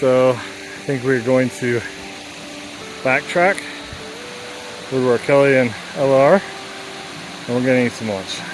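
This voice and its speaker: A man's voice: medium pitch, unhurried, pauses often, noisy background. A man talking casually as he narrates a hiking vlog outdoors on a trail.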